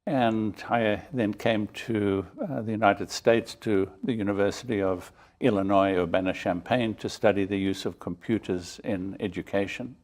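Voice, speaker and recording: Low-voiced man. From South Africa. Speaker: author guest. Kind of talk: interview answers.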